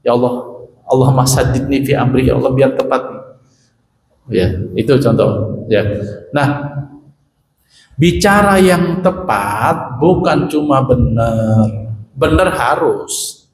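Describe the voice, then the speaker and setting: A man's voice: mid-range voice, slow, long pauses. A middle-aged man giving a casual, joking sermon in a mosque, talking directly to his listeners. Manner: chatty, joking, talks to the audience. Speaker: preacher. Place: mosque hall. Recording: echoey mosque hall, long reverb, faint noise.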